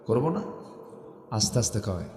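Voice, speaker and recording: A man's voice: on the low side, sing-song, normal speed, dark tone. A middle-aged man from Bangladesh with a North Bengal accent, preaching a sermon and leading call-and-response with the crowd. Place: large outdoor sermon gathering. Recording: echoey hall, long reverb.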